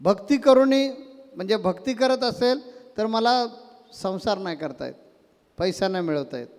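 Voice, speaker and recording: Guy preaching, really high voice, animated storyteller, long hall echo. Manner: animated storytelling, acting out quoted voices, rhetorical questions. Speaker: spiritual teacher giving a discourse. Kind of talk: devotional sermon.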